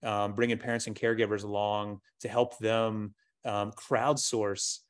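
A low-voiced man speaks in a fairly monotone way over a video call, and the sound is dry and close. He leads a school and works through his ideas one after another, leaning on "you know" and "um" as he goes. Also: a little slow, no room sound. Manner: rambling, lists ideas with many fillers. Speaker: school leader. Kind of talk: panel discussion on a video call. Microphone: webcam on a video call.

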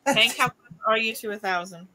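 A woman's voice: a little high, normal speed, pushed and bright, rough recording. A woman with a West Virginia Appalachian accent, chatting casually and folksily as she co-hosts a livestream and reads out comments. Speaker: crochet livestream co-host. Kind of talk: casual chat, reading viewer comments. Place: room at home, on a video call. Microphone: webcam or computer mic on a video call.

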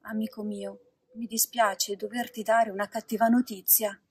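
A woman voicing a kindly female marmot in a storybook reading, speaking softly, patiently and consolingly. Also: high-pitched, lively intonation, unhurried, husky, exaggerated voice. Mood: gentle.

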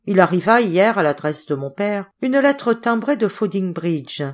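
A woman narrating a literary audiobook in a steady, expressive reading style. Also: mid-range voice, measured pace.

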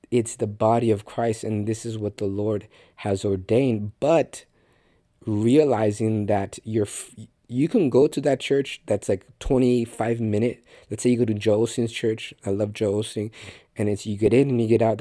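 A man's voice: mid-range voice, warm tone, no echo, clean studio sound. A man hosting a faith podcast, teaching in an earnest, conversational way with frequent restarts and direct remarks to the listener. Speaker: podcast host and Bible teacher.

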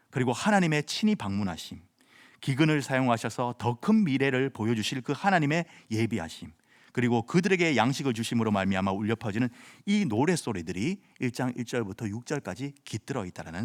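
A male pastor giving a measured sermon that explains scripture. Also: medium pitch.

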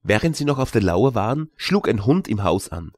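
A man's voice: fairly low pitch, very animated, moderate pace, a little mellow, no room sound, studio quality. Man narrating a classic tale. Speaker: audiobook narrator. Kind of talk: scripted narration.

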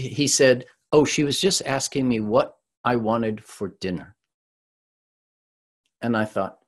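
A man's voice: medium pitch, slightly rough. A middle-aged man from the San Francisco Bay Area, giving a conversational webinar talk as a presentation coach over a video call. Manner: lively, conversational, with frequent restarts.

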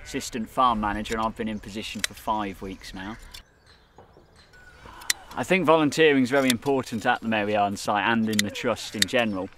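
Brief: young man, assistant farm manager, measured delivery, outdoor camera audio with clear noise behind him. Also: fairly low pitch. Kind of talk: interview answers. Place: outdoor pasture.

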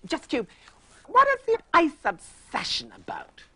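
An actor playing a pompous, oblivious, fussy middle-aged talk show host who gushes and is prissy, on a TV set. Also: male voice, extremely high pitch, wildly swooping pitch, measured pace, sharp tone, full character voice. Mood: gushing. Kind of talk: improvised comic interview.

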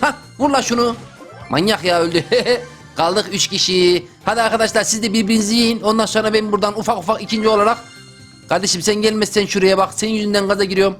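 A young man giving excitable, slangy live commentary over his gameplay as a gaming YouTuber. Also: sits high, fast talker, soft background music. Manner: excitable, slangy, talks to himself and viewers.

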